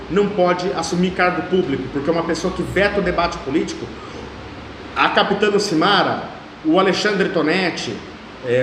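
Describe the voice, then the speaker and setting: A man's voice: high-pitched, a bit bright. Emphatic young man, echoey room. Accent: São Paulo state Portuguese. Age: 30s. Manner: emphatic, repeats phrases for force. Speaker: mayoral candidate. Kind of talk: political interview. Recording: echoey room, faint background hum.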